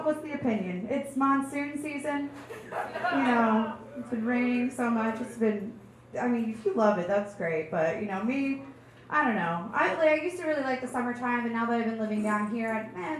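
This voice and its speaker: A young woman from New Jersey performing a stand-up comedy set on a club stage with a deadpan, self-deprecating delivery. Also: a little high, normal speed. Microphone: handheld stage mic. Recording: echoey club room with noise. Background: audience laughter.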